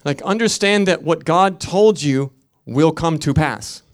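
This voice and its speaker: A man preaching a sermon as a pastor, swinging from loud emphatic peaks to quiet storytelling, with rhythmic repetition. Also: on the high side, measured pace.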